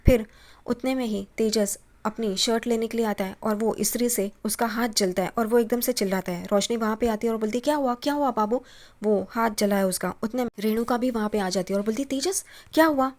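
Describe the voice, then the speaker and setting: A woman's voice: a little high, steady tone, a little fast, darkish tone. A woman casually retelling a TV serial episode, jumping into the characters' quoted lines with a raised voice. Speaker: TV serial recap narrator. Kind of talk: casual spoken episode recap.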